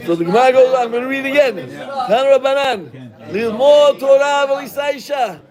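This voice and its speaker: A man teaching a Talmud class, animated and joking, calling on students by name. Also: very high-pitched, moderate pace, crowd noise.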